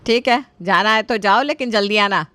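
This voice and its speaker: A woman's voice: medium pitch, normal speed, pushed and bright, no room sound, close to an everyday voice. A woman voicing a scheming, stingy middle-aged mother-in-law who stammers when flustered.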